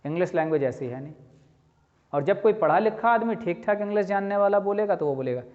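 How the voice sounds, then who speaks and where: A man teaching a lively lesson, explaining with spoken examples and asking his students questions as he goes. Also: high-pitched, quick pace. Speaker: English teacher. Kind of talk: classroom-style lecture. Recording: dull lo-fi sound with long reverb.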